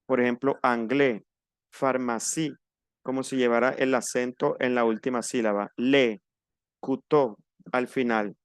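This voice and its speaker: Patient male French teacher, smooth voice. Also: mid-range voice, steady tone, no echo, clean studio sound. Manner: patient, slows down to model pronunciation. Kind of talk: online class instruction. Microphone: video call.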